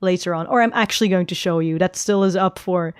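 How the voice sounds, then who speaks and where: A woman's voice: lowish voice, fast, smooth, no room sound, studio quality. A young adult woman streaming casual chat, rambling, giggling often and swearing freely. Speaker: VTuber streamer.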